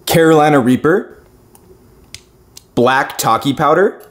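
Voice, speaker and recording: Young man, clipped deadpan, noisy clicky recording. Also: on the high side, takes it slowly. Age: young adult. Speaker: food challenge creator. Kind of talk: terse food-challenge announcing, item by item.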